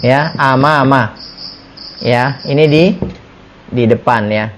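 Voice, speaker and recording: A man's voice: medium pitch, slow pace, slight background noise. A man with an Indonesian accent teaching an Arabic lesson, repeating words and quizzing his students. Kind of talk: classroom lesson.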